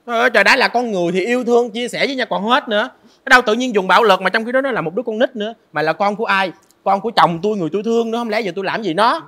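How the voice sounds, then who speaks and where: A woman's voice: medium pitch, racing, sharp tone. An actress playing a stepmother in a comic web drama, emotionally pleading that she loves her husband's child. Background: background music.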